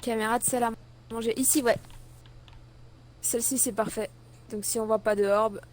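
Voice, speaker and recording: Une joueuse qui discute en coopération pendant une partie, hésitante et pleine de « euh, du coup ». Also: female voice, fairly high pitch, steady tone, normal speed, a little mellow. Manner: hesitant, lots of "euh, du coup". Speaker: co-op player. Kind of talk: casual gaming chat.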